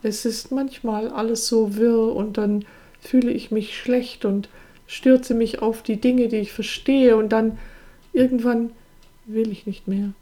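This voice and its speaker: A woman reading aloud voices a volatile, distraught young woman with a shrill, hissing voice. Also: very animated, slow pace, few pauses, full character voice. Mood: desperate. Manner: lurching between fury and despair.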